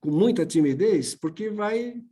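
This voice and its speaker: Brazilian man, high voice, church seminar lecture, patient explaining, frequent "né?". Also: expressive, a little slow, warm tone. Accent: Brazilian Portuguese. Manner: plain, patient teaching with filler "né?". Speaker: homiletics teacher.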